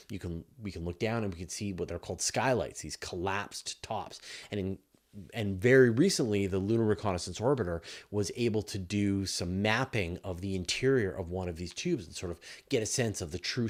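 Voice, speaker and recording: A man with a Western Canadian accent, hosting a live question-and-answer stream and explaining things in a casual way with fillers and restarts. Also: on the low side. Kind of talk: live Q&A chat.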